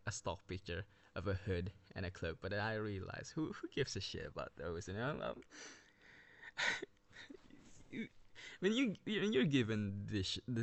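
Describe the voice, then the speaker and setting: A man's voice: fairly low pitch, vocal fry, dry recording. A man giving casual commentary on game skins, rambling with many restarts and running out of breath, recorded on a built-in device mic under a blanket. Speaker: video game skin reviewer. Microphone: built-in device mic without headset.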